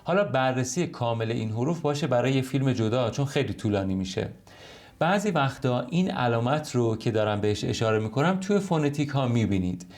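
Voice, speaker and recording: A man teaching an online English lesson in Persian. He explains clearly and reads the English example sentences slowly and carefully. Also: mid-range voice, a little mellow. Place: home recording.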